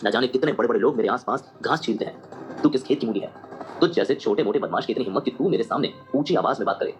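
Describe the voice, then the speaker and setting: A man's voice: medium pitch, lively intonation, fast talker, faint music behind, pitched above the performer's own voice, lightly acted. A man voicing a spoiled, arrogant young heir in an audio drama, who blusters with a raised voice. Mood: boastful threatening. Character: arrogant rich young man, panicked and begging.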